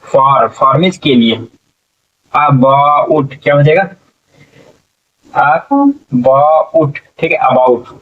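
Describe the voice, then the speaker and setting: A man's voice: medium pitch, moderate pace, a bit bright, recorded from a distance, lo-fi sound. A man teaching English reading to learners, spelling words out letter by letter and often checking in with "ठीक है". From India. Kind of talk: slow spelling-out classroom lesson.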